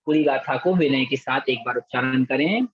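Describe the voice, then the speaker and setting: A man's voice: medium pitch, slightly rough, no room sound. A man teaching a scripture class, chanting verses syllable by syllable and explaining each word. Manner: slow drawn-out syllable-by-syllable recitation, then brisk explanation. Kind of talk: recitation lesson with call-and-repeat chanting. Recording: muffled lo-fi dry audio.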